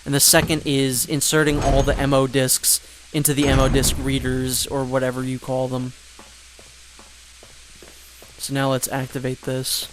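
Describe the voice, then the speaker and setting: A man's voice: medium pitch, completely flat delivery, normal speed, noisy background. A man giving casual gameplay commentary, rambling with joking asides and fillers. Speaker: let's play commentator.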